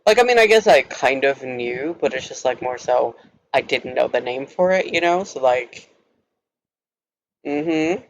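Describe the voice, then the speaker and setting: A man's voice: mid-range voice, animated, a little slow, poor audio. A young man from Norway, a native Norwegian speaker, telling a story to camera in a casual, rambling vlog style, giggling often and filling his speech with filler words. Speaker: vlogger.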